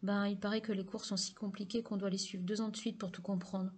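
An earnest teenage football boy, read by a woman narrator, speaking plainly and a touch defensively. The voice stays close to the reader's own middle pitch, a storybook figure rather than a full character voice. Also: level tone, a little fast, a little mellow, natural voice. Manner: matter-of-fact, slightly defensive.

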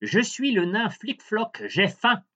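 A tiny magical dwarf with a high, bright, emphatic voice, put on by a male storyteller. His pitch leaps about in a lively way on a dull, lo-fi recording. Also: slow pace, heavily acted. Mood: plaintive.

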